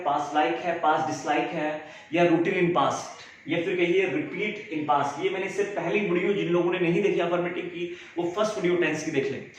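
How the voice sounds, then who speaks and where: A man teaching an English grammar lesson, who explains by repeating himself and asking the students questions. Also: high voice. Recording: very echoey room, faint background noise.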